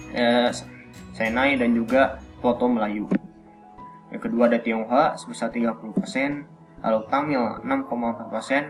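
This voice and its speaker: Young man, student presenter, hesitant, fillers, mid-pitched voice, faint background music. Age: young adult. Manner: hesitant, frequent "eh" fillers while reading figures. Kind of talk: reading a class presentation.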